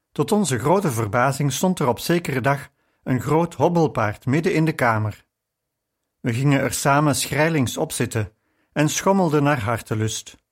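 A man reading a personal testimony in measured, earnest narration. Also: medium pitch. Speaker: testimony reader. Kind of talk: scripted narration.

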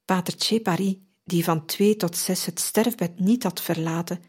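Slow breathy woman reading aloud. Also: fairly low pitch, a little mellow. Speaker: narrator. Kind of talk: reading a religious biography aloud.

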